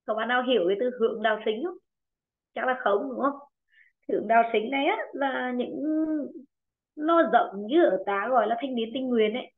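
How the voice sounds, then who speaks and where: A woman teaching an online English pronunciation lesson with a Vietnamese accent, encouraging students and repeating words slowly for them. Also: a little high. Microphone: video call. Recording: tinny phone-like video call audio.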